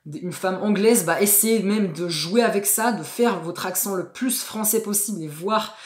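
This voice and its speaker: A woman's voice: mid-range voice, normal speed. A woman hosting a language-learning video, explaining in a casual, chatty way with slang fillers. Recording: echoey room.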